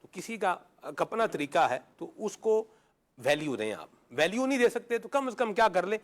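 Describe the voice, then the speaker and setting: A man's voice: high voice, big pitch swings. A man. He explains through homely examples and answers his own rhetorical questions. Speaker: religious talk show panelist. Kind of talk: moral advice talk.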